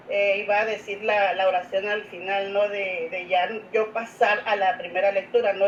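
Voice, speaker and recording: A woman, a church lector, asking a long question in a class and rambling earnestly with fillers. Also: mid-range voice. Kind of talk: casual question in an online class. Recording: dull lo-fi call audio with faint noise.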